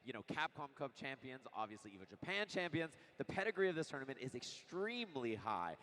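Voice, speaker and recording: A man's voice: medium pitch, very animated, brisk, a bit bright. A man giving emphatic, announcer-style commentary at a live esports event. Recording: music playing behind live stage commentary.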